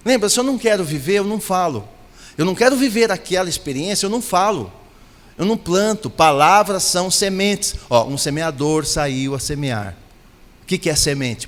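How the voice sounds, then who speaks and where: A man's voice: sits high, big-room sound. A man preaching a sermon as pastor, building to emphatic, repeated declarations.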